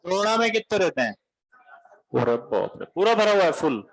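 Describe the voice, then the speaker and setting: A man's voice: high-pitched, sing-song, normal speed, low-quality recording. A male coaching teacher giving a classroom lecture, joking with and teasing his students as he explains.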